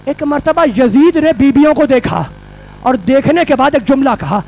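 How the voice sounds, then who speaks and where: A man preaching a fervent mourning sermon in a mosque hall, his voice pitched strikingly high and edged with gravelly fry. He drives his points home by repeating each phrase, pressing the crowd toward tears. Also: lively intonation, a little mellow. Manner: repeats phrases for emphasis, builds to cries. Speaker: religious scholar addressing mourners.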